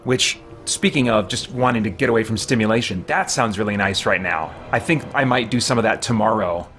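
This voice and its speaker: A man's voice: on the low side, a little fast, a bit bright. A middle-aged man doing casual live gameplay commentary, chatting and thinking aloud as he streams from a small home office. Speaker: game streamer. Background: game music.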